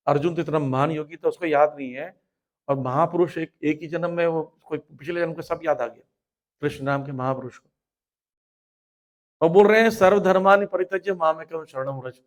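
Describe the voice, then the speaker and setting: A man teaching a Hindi spiritual lecture, telling stories, acting out voices and chanting Sanskrit verses. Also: on the high side. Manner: acts out quoted voices, animated storytelling.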